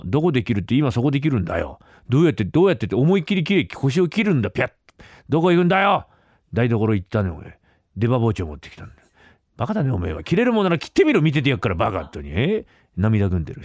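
A man's voice: medium pitch, no room sound, clean studio sound, lightly acted. A man doing a brusque scolding uncle. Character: bossy middle-aged vegetable-seller uncle. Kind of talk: rakugo storytelling.

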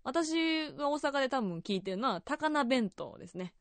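A woman's voice: high voice, very animated, fairly quick, no echo. A young woman with a Kansai accent hosting a radio show, chatty and laughing often. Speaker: radio host.

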